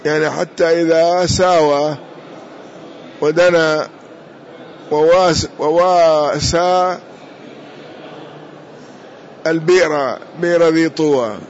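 A man's voice: on the high side, steady tone, takes it slowly. A man teaching a lesson, explaining a classical text and repeating key words to drill their pronunciation, in a muffled lo-fi recording.

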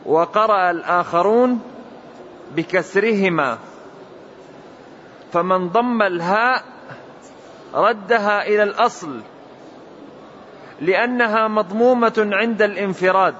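A man with a high voice reads a classical text aloud, slow and deliberate, in a formal recitation. The recording is dull and lo-fi, with a faint hiss behind him. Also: fairly bright tone.

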